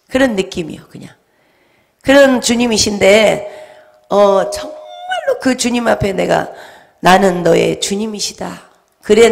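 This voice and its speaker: A woman's voice: on the high side, creaky. A woman pastor giving a fervent, emotional sermon testimony and retelling it with lots of repetition.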